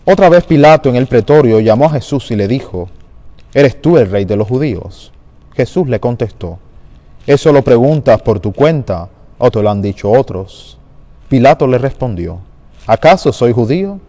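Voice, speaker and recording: A man giving a measured, solemn liturgical Gospel reading at a Good Friday service in a large church. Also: mid-range voice, expressive, mellow. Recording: long church reverb.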